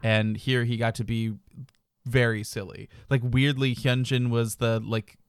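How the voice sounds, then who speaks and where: A man's voice: medium pitch, level tone, measured pace, clear, resonant tone, no room sound, clean studio sound. A man co-hosting a podcast, chatting in a casual, laid-back way with filler words and frequent laughs. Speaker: podcast co-host. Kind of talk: casual chat.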